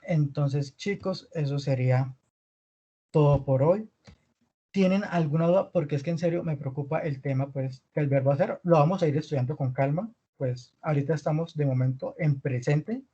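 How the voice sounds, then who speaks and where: A man teaching an online language lesson, patiently repeating words slowly for his students. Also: fairly high pitch, dark tone, breathy edge, dull audio. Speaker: Spanish teacher.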